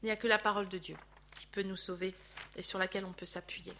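A woman leading a Bible study, telling the story in a lively way with chatty asides to her listeners. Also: mid-range voice, quick pace, a little hiss or hum. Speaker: Bible teacher.

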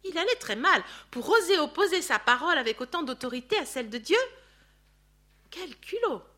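A woman leading a Bible study, telling the story in a lively way with chatty asides to her listeners. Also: sits high, normal speed. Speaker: Bible teacher.

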